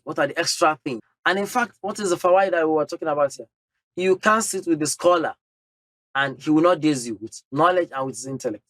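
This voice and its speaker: With a fairly bright, higher-leaning voice captured dry, a man teaches Islam in an emphatic lecture. He lays out his argument in numbered points and uses Arabic terms throughout.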